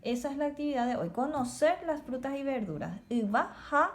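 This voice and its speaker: A woman teacher gives a children's language lesson. She speaks slowly and clearly and repeats words for the pupils to copy. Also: high voice, animated. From Paraguay.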